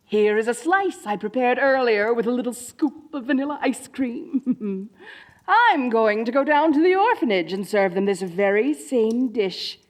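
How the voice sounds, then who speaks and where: This woman plays a goofy, over-the-top sorceress queen in a comedy audio drama, gleefully villainous and grand yet tender-hearted and prone to awkward chatter. Her voice runs on the high side, animated but measured in pace, sounding giddy and scheming.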